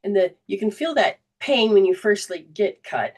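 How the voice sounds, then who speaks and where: A woman's voice: mid-range voice, animated, normal speed. Woman coach telling a story, acts out the quotes, lots of restarts, mic a bit far off. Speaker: soul coach. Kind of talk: personal story in a coaching talk.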